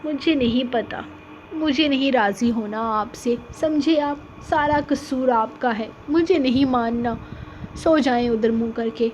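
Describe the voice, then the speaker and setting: Figure: sulky young wife read by a woman. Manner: pouting, tearful. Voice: high-pitched. Style: audiobook novel reading. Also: a little mellow, a little hiss or hum, lightly acted.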